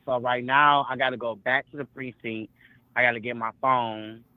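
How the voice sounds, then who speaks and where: A man's voice: mid-range voice, steady tone, normal speed, no room sound. A man talks on a phone set to speakerphone, so his voice comes through thin and tinny. He speaks bluntly and casually, swears freely and sounds worn out. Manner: blunt, profane, weary talk. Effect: heard over a phone on speakerphone. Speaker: interviewee just released. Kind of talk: casual street interview.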